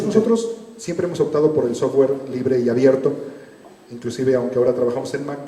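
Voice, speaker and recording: A man's voice: mid-range voice, mellow. A man who speaks Totonac as a first language, explaining an orthography project carefully with many fillers. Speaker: university team member presenting software. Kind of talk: explanatory presentation. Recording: roomy recording with long reverb.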